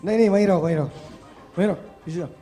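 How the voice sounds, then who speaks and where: A male TV host yelling excited commentary over a live studio contest. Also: sits high, rapid-fire. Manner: shouting, hyping the crowd. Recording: studio with music and a loud crowd.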